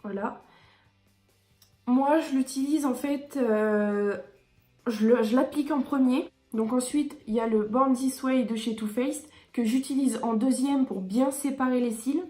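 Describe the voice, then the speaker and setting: A woman's voice: high voice, measured pace, warm tone, reverberant, soft background music. A woman beauty vlogger reviewing her favourite products in a chatty, enthusiastic way with frequent hesitations.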